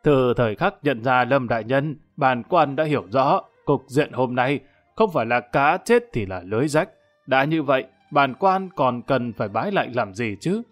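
An arrogant corrupt magistrate, played by a male narrator in an audiobook. He speaks at a middle pitch with sneering, theatrical menace. Faint music plays behind him. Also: animated, normal speed, lightly acted. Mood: cold menace. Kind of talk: audiobook character acting.

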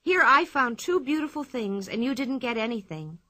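A woman's voice: on the high side, moderate pace, no echo, clean studio sound. Woman doing a fearless, cheerful little redhead girl. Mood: kindly. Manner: lively, playful, sing-song lilt. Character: cheerful bold red-haired young girl, fearless.

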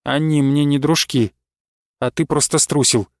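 A man doing a calm, steady young man. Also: on the high side, measured pace, dry recording.

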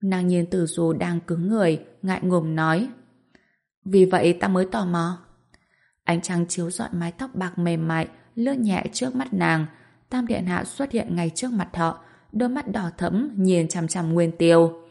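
A woman reading a story aloud as narrator, in a calm and even storytelling manner. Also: on the low side, moderate pace, gravelly.

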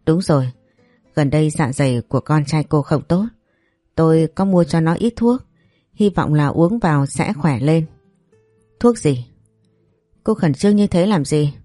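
A woman's voice: lively intonation, moderate pace, long pauses, mellow, no echo, clean studio sound, faint music behind. A woman voicing a scheming, spiteful young rival woman in a storybook, sly and taunting. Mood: mocking. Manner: sly and taunting, then shrill and whining.

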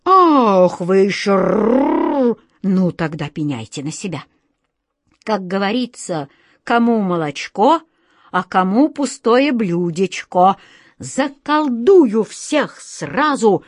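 A woman voicing an excitable male tomcat wizard who talks in a fussy, pleading, and then threatening way, reading slowly in a dry recording. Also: medium pitch, no room sound.

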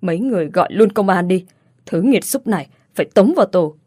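A woman's voice: medium pitch, expressive, fast, a little mellow, dry recording, studio quality, lightly acted. A woman voicing a furious, scolding older woman. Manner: harsh scolding.

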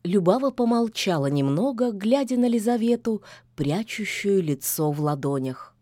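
A woman reads a folk fairy tale aloud, folksy and expressive. Her pitch rises and falls with lively animation. The recording is dry, with no room sound. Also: moderate pace, no room sound. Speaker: audiobook narrator.

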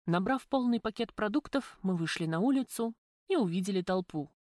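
A woman reading a first-person audiobook in an even, steady storytelling manner. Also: mid-range voice, a little fast, no room sound, studio quality. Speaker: audiobook narrator.

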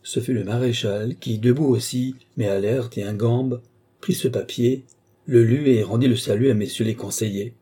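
A man reads a classic novel aloud in a measured, storytelling manner. His voice sounds dark and mellow with a husky grain, at an ordinary pitch. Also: steady tone. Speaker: narrator. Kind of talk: audiobook narration of a classic novel.

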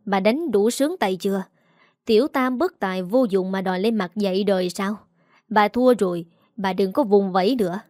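A woman voicing a young pregnant daughter-in-law who is sly and bitter, speaking with sharp contempt. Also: mid-range voice, normal speed, no room sound, studio quality, close to an everyday voice. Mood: contemptuous. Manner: pleading at first, later hissing with contempt.

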